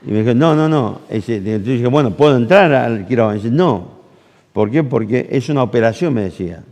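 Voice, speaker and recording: Speaking a little fast in a mid-range voice, this Argentine pastor delivers his sermon in Rioplatense Spanish, acting out conversations within a personal story and putting questions to the audience. Long reverb fills the church camp hall around him.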